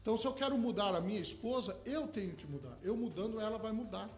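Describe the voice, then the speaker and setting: A man's voice: high voice, animated, fast, darkish tone, soft background music. A man, a hypnotherapist guest in a radio studio, eagerly explaining his ideas with everyday examples. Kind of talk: radio interview.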